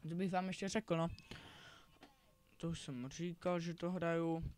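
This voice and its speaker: A teenage boy talks over his gameplay in a loose, rambling way, catching and fixing his own slips as he goes. His voice sits a little high for a male. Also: level tone, darkish tone, a little hiss or hum. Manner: rambling, self-correcting, chatty. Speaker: gaming YouTuber. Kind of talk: casual gameplay commentary.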